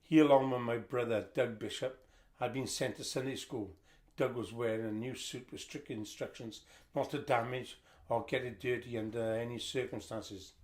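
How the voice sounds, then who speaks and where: An older man reading a family history aloud, telling the story in a lively storytelling way. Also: medium pitch, moderate pace.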